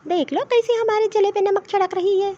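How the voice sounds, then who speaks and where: A woman's voice: very high-pitched, steady tone, brisk, warm tone. Woman doing a grumbling old mother-in-law. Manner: muttering complaints to herself. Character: elderly mother-in-law, weary, grumbling, bullied. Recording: dull lo-fi sound.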